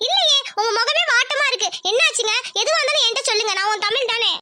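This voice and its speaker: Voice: very high-pitched, quick pace, heavy background noise. A performer voicing a devoted young village woman in a cartoon, pleading and anxious. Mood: worried. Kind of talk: cartoon voice acting.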